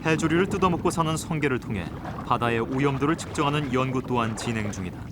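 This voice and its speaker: A man reading scripted nature documentary narration in a measured, formal broadcast style. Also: medium pitch, noisy background. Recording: loud music bed under voice. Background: prominent background music.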